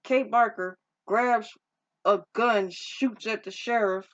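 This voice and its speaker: A woman's voice: a little high, steady tone, takes it slowly, fairly bright tone. A woman casually recapping a movie's plot in a rambling, informal way, often restarting her sentences and using slang. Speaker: movie reviewer. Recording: dull lo-fi recording.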